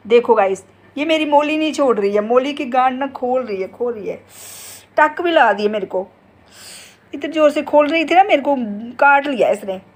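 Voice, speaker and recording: A woman's voice: high voice, expressive, normal speed. Chatty woman vlogger. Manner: coos in baby talk to her pet bird, then chats chattily to viewers. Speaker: home vlogger. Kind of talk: casual home vlog chat. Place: home, bedroom and kitchen.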